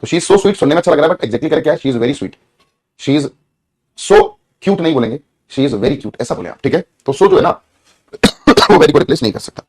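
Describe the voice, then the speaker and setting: This man's voice is a little high and expressive, at normal speed, with slight background noise. In an exam-prep grammar lesson for English, he repeats his points, quizzes students, and stretches out words as he dictates.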